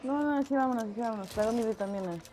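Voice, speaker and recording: A woman commentating a co-op game, excited, repeating callouts rapidly. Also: a little high. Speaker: gamer. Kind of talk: co-op gameplay commentary. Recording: game noise behind the voice.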